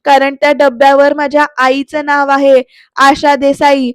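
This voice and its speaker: An irritated young woman who scolds and snaps back, read out by a female narrator. Her voice is high and fairly flat in pitch. It is recorded dry and close, with no room around it. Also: unhurried, no echo. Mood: exasperated. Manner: scolding, exasperated.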